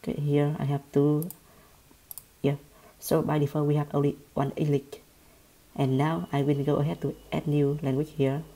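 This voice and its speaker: Speaking English with a Vietnamese accent, a woman presents a software tutorial over a screen recording, her low voice soft and mellow. Her pitch barely moves. She hesitates often, says words twice, and starts her sentences over.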